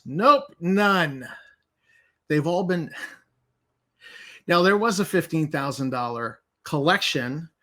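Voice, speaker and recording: Emphatic, higher-pitched man giving skeptical commentary. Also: bright, forceful tone. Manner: emphatic, repeating key points; incredulous, skeptical. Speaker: commentator host. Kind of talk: informal commentary reading through a document.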